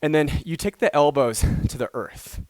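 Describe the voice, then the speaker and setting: A man teaching a power yoga class, giving calm, encouraging step-by-step cues and gentle praise. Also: a little high, normal speed, no room sound. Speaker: yoga instructor. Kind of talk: guided yoga class instruction.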